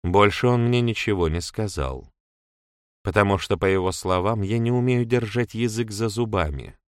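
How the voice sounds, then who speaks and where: A man reading an audiobook, voicing a touchy, defiant young woman who breaks into sharp outbursts. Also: on the low side, moderate pace, clean tone, no room sound, studio quality, lightly acted. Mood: defensive.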